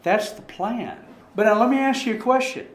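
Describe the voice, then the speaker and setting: A man whose voice sits high leads an informal Bible study at a moderate pace in a church meeting room. The echoey recording carries slight background noise, and his casual talk wanders, with restarted sentences, repeated words, and rhetorical questions for the group.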